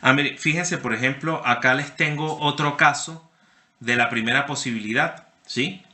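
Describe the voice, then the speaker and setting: A man's voice: medium pitch, normal speed, bright, forceful tone, echoey room. A man teaching a university class online, explaining step by step and often checking that students follow. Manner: explanatory, checks understanding with frequent "¿sí?"; addresses students by name. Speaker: university lecturer.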